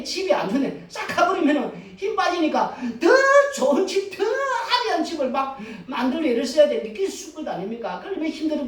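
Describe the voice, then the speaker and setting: Animated woman pastor, echoey and distant. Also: high-pitched. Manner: animated, laughs often, acts out quoted voices. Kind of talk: Sunday sermon. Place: church sanctuary. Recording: roomy echo from a distant mic.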